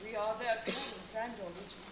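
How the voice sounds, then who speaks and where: A woman's voice: fairly high pitch, fairly quick, a bit bright, close to an everyday voice. A woman playing a proud, scornful fairy queen in hammy, theatrical Shakespearean stage style, projecting and drawing out her words. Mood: grave reproach. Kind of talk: outdoor stage performance of Shakespeare. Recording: echoey, noisy distant outdoor theatre recording.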